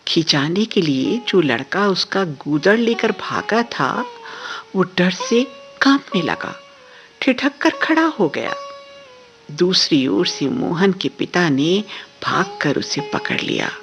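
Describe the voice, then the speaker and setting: A woman reading a story aloud for a radio drama reading, measured and expressive. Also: medium pitch, muffled recording, soft background music. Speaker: story reader.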